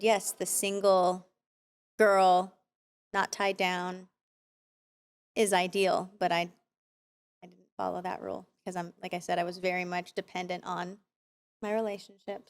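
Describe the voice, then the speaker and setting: A woman in her thirties from Arizona, speaking as a podcast guest in a relaxed conversation. She is candid and reflective, and her talk keeps returning to faith. Her voice sits at an ordinary middle pitch. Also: clean tone. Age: 30s. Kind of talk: casual conversation.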